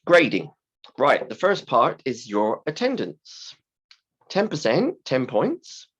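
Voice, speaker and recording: A man teaching a class in simple, deliberate, emphatic phrases, his voice hoarse, croaky and creaky from a sore throat. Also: medium pitch, wildly swooping pitch, fairly bright tone, muffled recording. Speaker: university English teacher. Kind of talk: scripted-slide lesson explanation.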